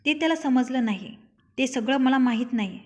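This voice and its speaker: A woman's voice: high voice, moderate pace. A young woman narrating her own written love story, reading every character's lines herself.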